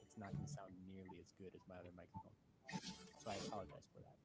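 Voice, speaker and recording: A man's voice: low-pitched, level tone, very fast, over loud music. Man through a muffled underwater-sounding cheap mic. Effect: muffled, underwater-sounding cheap microphone. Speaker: streamer. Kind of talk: casual live-stream chat.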